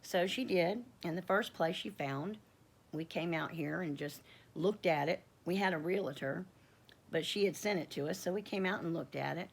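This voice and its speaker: In a lowish, croaky voice, a middle-aged woman who vlogs about homesteading offers a casual personal testimony, rambling and stopping short with frequent fillers and restarts.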